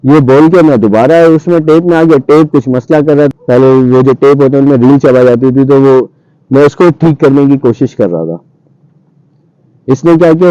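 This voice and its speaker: A storyteller guest tells a casual ghost story in an animated retelling, acting out lines he once said. His medium-pitched voice comes through dry but muffled, with dull, radio-style audio.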